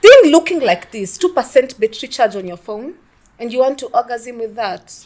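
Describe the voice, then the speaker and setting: A woman's voice: a little high, sing-song, normal speed, darkish tone. Bold, frank Kenyan woman. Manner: bold, frank, laughing often. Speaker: podcast panelist. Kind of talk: casual chat.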